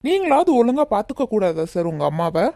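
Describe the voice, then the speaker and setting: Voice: mid-range voice, big pitch swings, a little fast, dark tone. A voice actor playing a patient doctor in a cartoon, advising a patient on her health. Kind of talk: cartoon voice acting.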